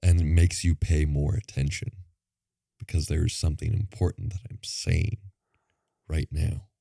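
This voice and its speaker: A man co-hosting a podcast in casual chat, rambling with plenty of filler words and toying with fast and slow delivery. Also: very deep voice, level tone, creaky, warm tone, no echo, studio quality. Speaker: podcast co-host.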